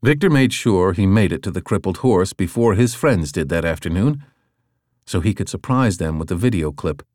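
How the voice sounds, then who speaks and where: A male audiobook narrator telling the story in a lowish voice with lively, varied intonation. The sound is close and dry, with no room around it. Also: normal speed, no echo. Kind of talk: scripted narration.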